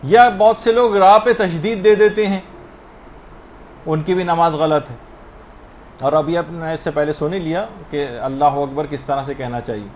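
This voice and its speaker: A man with a high voice gives a religious lesson on prayer rules. He explains each ruling patiently, slowing down to demonstrate correct pronunciations. Faint noise sits under the recording. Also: darkish tone. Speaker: religious teacher.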